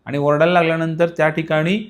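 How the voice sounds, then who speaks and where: A man giving a devotional sermon in a storytelling style. He explains patiently and rises in pitch and volume for emphasis. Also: little pitch movement, fast talker. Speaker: devotional preacher.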